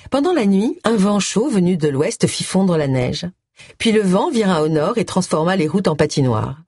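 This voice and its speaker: A woman reading a novel aloud in an expressive storytelling manner. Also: fairly low pitch, slightly rough, dry recording, studio quality. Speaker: audiobook narrator. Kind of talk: scripted narration.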